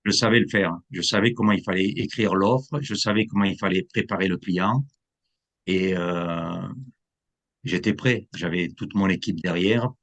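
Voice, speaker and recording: A man's voice: sits low, normal speed, fairly bright tone. A man who is a real estate agent, from France, explaining the buying process in an interview and slipping English terms into his talk. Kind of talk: interview answers.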